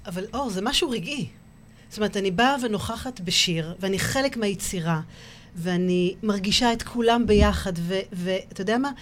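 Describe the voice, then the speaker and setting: Israeli woman hosting an interview, mid-pitched, hesitant phrasing, faint hiss behind her. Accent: Israeli Hebrew. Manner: searching, many fillers while shaping questions.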